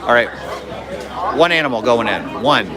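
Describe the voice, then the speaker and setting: A man's voice: mid-range voice, expressive, normal speed. A man hosting a casual livestream, chatting and greeting viewers while out at a theme park. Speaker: livestream host. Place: theme park, on a ride vehicle. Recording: busy crowd chatter behind the voice.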